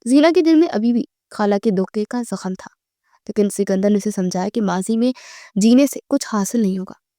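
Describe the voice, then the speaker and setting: Woman, novel narration, steady storytelling, mellow voice, dry close sound. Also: mid-range voice, no room sound. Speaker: novel reader. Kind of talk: reading a romance novel aloud.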